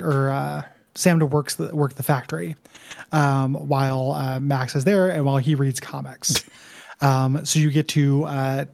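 A man's voice: fairly high pitch, creaky, darkish tone. A man co-hosting a show, recapping a game story in loose, laid-back casual conversation. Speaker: co-host of a video game discussion show.

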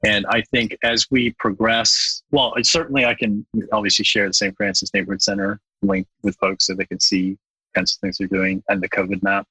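A man's voice: fairly low pitch, lively intonation, moderate pace, gravelly, sharp tone, slightly rough, no echo, rough recording. A middle-aged man from Bangladesh, a guest in a podcast interview, speaking earnestly and thoughtfully with frequent restarts.

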